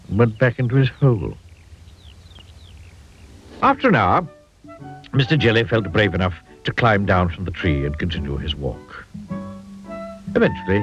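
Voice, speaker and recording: Guy reading a kids storybook, really bouncy voice, playful, kinda muffled lo-fi audio. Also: deep voice. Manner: expressive, playful. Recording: dull lo-fi audio.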